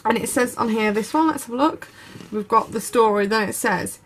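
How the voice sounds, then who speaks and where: A craft YouTuber gushes with enthusiasm as she narrates an unboxing from off screen, her fairly high voice moving along fairly quickly. The camera is positioned above the tabletop, and there's a little hiss or hum in the audio.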